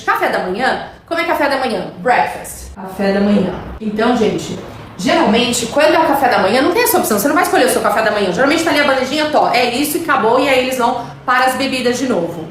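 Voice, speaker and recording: A woman English teacher from Brazil giving a chatty live lesson, reading viewer comments aloud and answering them. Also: high-pitched. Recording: very echoey room with faint background noise.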